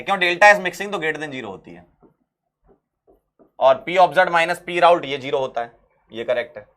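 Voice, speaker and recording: He's a male chemistry teacher whose voice sits a bit high, with a bright and forceful quality, and his lesson is aimed at exams. Full of energy, he returns to key phrases repeatedly and answers the questions he asks.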